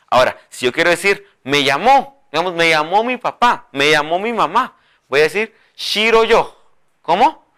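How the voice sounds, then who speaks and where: Lively man teaching a language. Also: fairly high pitch. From Guatemala. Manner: drills words slowly, coaxing viewers to repeat aloud. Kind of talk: televised language lesson.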